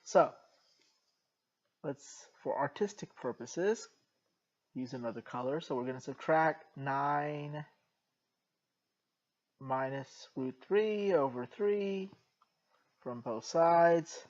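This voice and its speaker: A math teacher with a soft-spoken, slightly high voice works through a problem slowly and carefully, slipping in dry jokes. The audio is dull and lo-fi, like a basic home lesson video.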